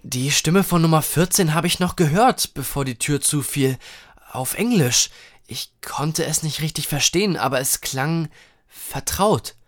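A man reading his part of a children's story with lively engagement. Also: on the high side, a little slow. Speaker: co-narrator.

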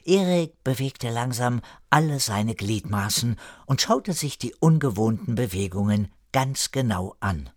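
A man reading an audiobook, narrating a story in a slow, expressive way. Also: medium pitch, dry recording, studio quality. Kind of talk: scripted narration.

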